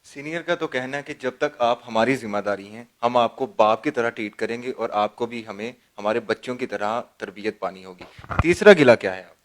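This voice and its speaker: A man's voice: medium pitch, brisk. A man interviewing, putting brief, direct questions. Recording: distant off-mic voice.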